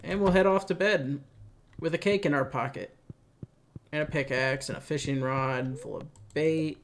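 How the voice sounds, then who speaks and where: A man's voice: a little high, normal speed, a little hiss or hum. A man hosting a casual let's play, musing aloud and chatting as he plays. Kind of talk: casual gameplay commentary.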